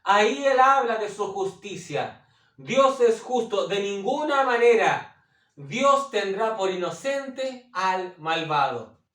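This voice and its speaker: A man teaching from the Bible as a preacher, repeating phrases for emphasis, asking his listeners questions and often pausing on hesitation sounds. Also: high voice, very animated, a bit bright, far from the mic. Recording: echoey room, voice set back from the mic.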